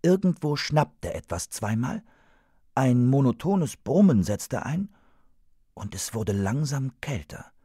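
Husky-voiced male storybook narrator. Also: mid-range voice, big pitch swings, takes it slowly, dark tone, no echo, clean studio sound.

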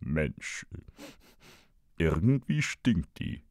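A man's voice: extremely low pitch, big pitch swings, drawn-out words, vocal fry, darkish tone, no echo, studio quality, voice pushed down, exaggerated voice. A man voicing a laid-back young male fly with a lazy, drawling delivery.

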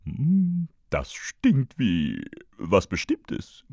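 A man's voice: on the low side, huge pitch swings, drawn-out words, vocal fry, mellow, no room sound, studio quality, heavily acted. A man voicing a laid-back young male fly with a lazy, drawling delivery.

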